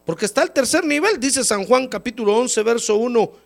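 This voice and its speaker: A man preaching at a church service, his high voice gravelly and full of swooping pitch. He has a cold and talks in a folksy way, often calling the listener "brother". When he gets emphatic his voice climbs much higher. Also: animated, fairly quick. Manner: folksy, repeatedly calls listeners "hermano". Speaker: pastor. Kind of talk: sermon.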